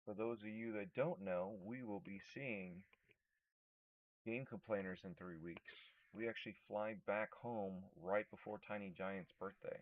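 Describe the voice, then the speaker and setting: Casting: male streamer, lowish voice, mumbly self-talk while working, mic sitting off to one side, narrow phone-like sound. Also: fairly even intonation, measured pace, dry recording. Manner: mumbling to himself, often trailing off quietly. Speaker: channel host. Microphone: mic low and off to one side.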